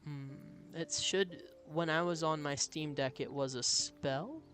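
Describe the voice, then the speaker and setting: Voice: medium pitch, measured pace, fairly bright tone. A chatty game streamer giving live commentary and reading the chat. The voice is easygoing and mid-range, with faint music underneath.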